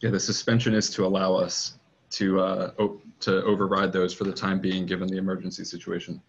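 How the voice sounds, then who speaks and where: A man serving as school board president, chairing a formal meeting over a video call in a procedural, measured way with frequent fillers. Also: sits low, little pitch movement, breathy edge. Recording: muffled video call audio.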